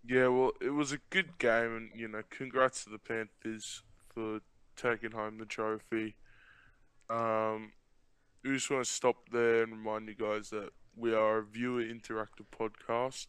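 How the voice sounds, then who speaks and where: A man's voice: fairly low pitch, little pitch movement, a little slow, a bit bright, smooth, no room sound. A young male student with an Australian accent co-hosting a casual sports chat podcast. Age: teenager or young student. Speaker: podcast co-host.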